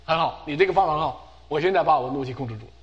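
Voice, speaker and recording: A man's voice: fairly high pitch, expressive, very fast, fairly bright tone, dull audio, voice pushed down. A man voicing a young son eagerly telling his father he has learned self-control, in a sermon story.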